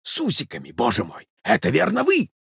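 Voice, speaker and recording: A man's voice: fairly high pitch, wildly swooping pitch, brisk, creaky, fairly bright tone, husky, no room sound, studio quality, exaggerated voice. Reader doing a jealous guy in a panic, whiny, voice jumps all over. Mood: frantic. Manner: panicky, whining. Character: flustered jealous middle-aged man hiding.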